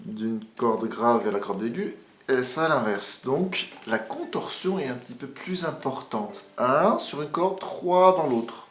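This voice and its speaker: Lively-voiced man teaching violin. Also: medium pitch, unhurried, reverberant. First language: French. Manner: explanatory, demonstrative, patient. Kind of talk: music lesson.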